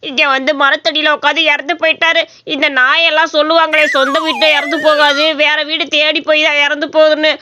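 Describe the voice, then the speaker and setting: A woman's voice: high voice, level tone, a little fast, hardly any pauses, noisy background, lightly acted. A woman voicing a scheming young village trickster man in a cartoon, talking in a sly, whining way. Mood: pleading. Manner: sly, whining plea for money. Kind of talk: cartoon voice acting.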